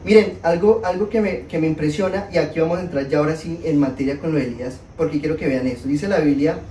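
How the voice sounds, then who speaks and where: A young man with a Colombian Spanish accent preaching a sermon, telling a personal story in an animated, self-mocking way to a congregation. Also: a little high, quick pace, a little hiss or hum. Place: church hall. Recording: echoey hall, mic at a distance.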